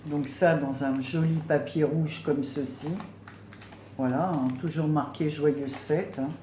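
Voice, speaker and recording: Brief: gushing woman vlogger, mellow warm tone, roomy room echo. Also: deep voice, steady tone, unhurried, slight background noise. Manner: effusive, exclaiming with delight, many fillers. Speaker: vlogger unboxing gifts. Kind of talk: casual unboxing chat. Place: home room. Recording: roomy home recording.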